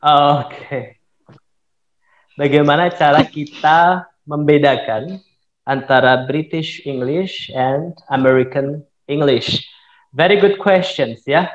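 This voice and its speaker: A man's voice: a little high, takes it slowly. A man as the invited speaker, patiently explaining an answer and mixing English terms into his talk, heard over a video call. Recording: echoey, dull video-call audio.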